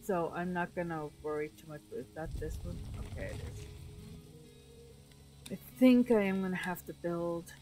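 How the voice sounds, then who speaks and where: A woman's voice: lowish voice, steady tone, normal speed, darkish tone, soft background music, rough recording. A woman commentating casually on her own gameplay, thinking aloud, while losing her voice. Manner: thinks aloud, self-talk with frequent restarts. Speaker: gameplay streamer.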